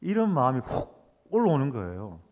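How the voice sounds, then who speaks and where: A male pastor preaching a sermon, telling a personal story with animated delivery and acting out the lines he quotes. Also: medium pitch, moderate pace. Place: church sanctuary. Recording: long reverb of a church hall.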